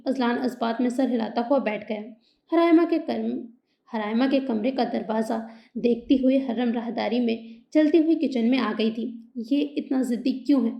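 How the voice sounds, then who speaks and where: A woman's voice: on the high side, vocal fry, reverberant, muffled recording. A woman reading a romance novel aloud as an audiobook narrator, in a plain reading voice with only small shifts for the characters.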